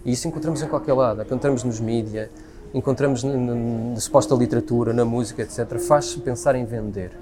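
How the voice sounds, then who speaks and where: A man with a European Portuguese accent speaks fast in a mid-range voice. He talks spontaneously in a conversation, sharing his opinions emphatically and repeating himself.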